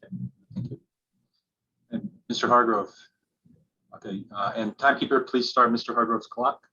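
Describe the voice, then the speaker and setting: A man acting as hearings officer, calling on counsel and swearing in a witness in a halting way with many fillers, heard through a dull lo-fi hearing recording. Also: medium pitch, sharp tone, breathy edge. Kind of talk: formal proceeding moderation. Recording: dull lo-fi remote hearing audio.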